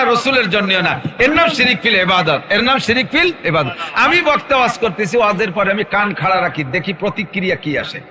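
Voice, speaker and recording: A man's voice: high-pitched, sharp tone, in a large hall. A man from Bangladesh preaching a folksy sermon at a religious gathering, telling stories and firing rhetorical questions at the crowd.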